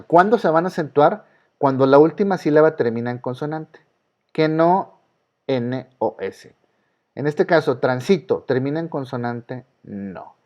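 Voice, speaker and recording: A male teacher with a Mexican Spanish accent runs an online class over a video call, his mid-pitched voice darkish in tone and lo-fi in quality. He patiently repeats the rules and quizzes his students.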